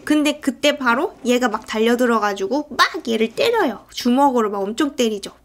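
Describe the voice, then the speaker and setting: A woman's voice: fairly high pitch, animated, normal speed. A woman casually retelling a film's story scene by scene, in a chatty way that often breaks into acted character lines. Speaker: film recap narrator. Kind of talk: casual movie recap narration.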